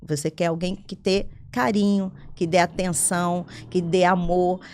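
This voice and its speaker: A businesswoman being interviewed, telling her story in a lively, conversational way, often acting out her own quoted lines and asking "entendeu?". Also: on the low side, a little slow. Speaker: interview guest, business owner.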